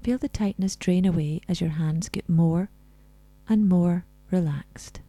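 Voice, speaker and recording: A woman leading a scripted guided relaxation in a soft, soothing, breathy spa-like voice that comes close to a whisper. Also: on the low side, measured pace, no echo.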